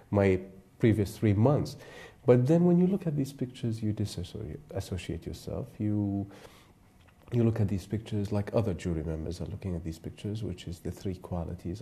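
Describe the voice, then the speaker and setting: A photographer from Iraq serving on a jury gives thoughtful, halting interview answers full of fillers and restarts. His voice is on the low side and mellow.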